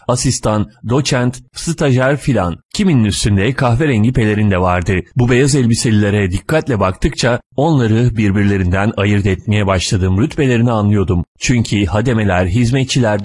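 A man narrating a short story in a measured, deliberate, dry manner. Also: on the low side, darkish tone.

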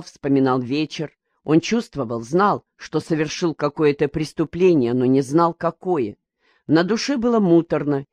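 A woman narrating a novel as an audiobook reader in an even, measured way. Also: low voice, no room sound. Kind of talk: scripted narration.

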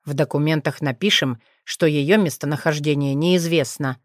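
A woman voicing a calm, confident male dragon shifter who speaks steadily with a dry, slightly mocking manner. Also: low-pitched, moderate pace, dry recording, lightly acted.

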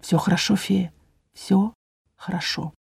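A woman voicing a calm male dragon inquisitor who speaks softly and soothingly. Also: medium pitch, normal speed, no room sound, studio quality, close to an everyday voice. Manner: soft, soothing, hushed.

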